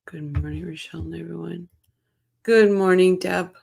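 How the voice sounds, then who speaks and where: A woman's voice: on the low side, fairly even intonation, normal speed, creaky, a little mellow, husky. A woman hosting a casual livestream, greeting chat viewers by name with a tired morning voice. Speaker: livestream host.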